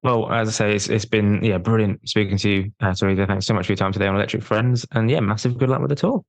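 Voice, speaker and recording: A man's voice: on the low side, fairly even intonation, fast talker, creaky, no room sound. A man hosting a podcast interview, who asks his questions hesitantly and repeats words as he starts. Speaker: podcast host. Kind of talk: casual interview.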